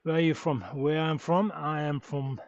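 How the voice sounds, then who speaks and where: A man's voice: on the high side, steady tone, moderate pace, dry recording. A man from Germany, chatting casually on a live stream while riding and answering viewers' questions with many fillers. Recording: dull lo-fi stream audio.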